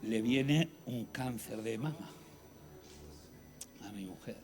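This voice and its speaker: A middle-aged man speaks at an ordinary mid pitch, telling his own faith story in an earnest, conversational way. He pauses to reflect as he goes. Music plays clearly beneath his voice. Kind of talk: personal testimony talk. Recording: music playing behind the voice.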